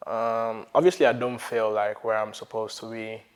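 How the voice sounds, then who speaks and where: A young man from Nigeria who grew up in Italy, talking casually as an interview guest, relaxed and rambling with lots of fillers. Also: lowish voice, normal speed, clean tone. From Nigeria, raised in Italy. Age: young adult. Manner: relaxed, rambling, many fillers and "you know". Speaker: interview guest, sneaker developer.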